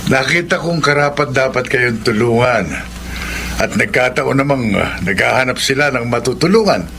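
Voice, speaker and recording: A man's voice: mid-range voice, lively intonation, moderate pace, vocal fry, pushed and bright, slight background noise. A man playing a kindly benefactor in a radio drama. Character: kindly older male benefactor.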